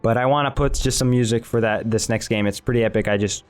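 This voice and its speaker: A man's voice: mid-range voice, steady tone, fast talker, clear, resonant tone, faint music behind. A man casually commenting over his own gameplay footage as a channel host, rambling with many restarts.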